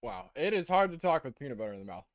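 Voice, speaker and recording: A man giving casual live-stream commentary on a strategy game, relaxed and thinking aloud as he goes. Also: a little high, quick pace, no room sound, studio quality. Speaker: game caster.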